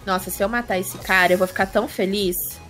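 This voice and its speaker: A Brazilian-accented gaming streamer chats casually and teasingly while she plays on a live stream. Her mid-range voice is fairly quick, fairly even in intonation, and a bit bright. Music plays in the background.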